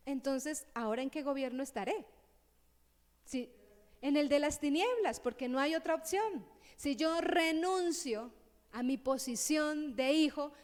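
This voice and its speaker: A woman with a high voice preaches a teaching sermon. She keeps it conversational and often checks that her listeners are following. Her voice rings out with a long reverb behind it.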